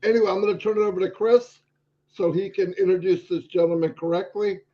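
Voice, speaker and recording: A man's voice: high voice, fairly even intonation, a little fast, mellow. A man hosting a live stream, opening the show in a chatty, rambling way. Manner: chatty, rambling, many fillers. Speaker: host. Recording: dull lo-fi stream audio.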